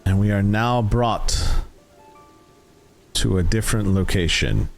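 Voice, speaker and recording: A man serves as game master for a tabletop roleplaying game, narrating deliberately and building suspense with long dramatic pauses. His pitch is fairly low, and faint music plays behind him.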